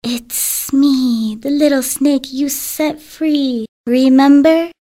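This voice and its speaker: A small, kind male snake from a children's storybook speaks shyly and very slowly. His voice sits a little above a plain speaking voice, a woman reading aloud voicing him. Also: fairly even intonation, dark tone. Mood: gentle. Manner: low, shy and slow.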